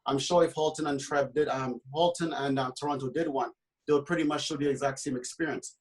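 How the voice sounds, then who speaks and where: On a rough recording, a man speaks at a slightly fast pace in a medium-pitched voice with fairly even intonation. He is a Trinidad and Tobago realtor, and he argues passionately on a panel while stumbling through fillers and restarts.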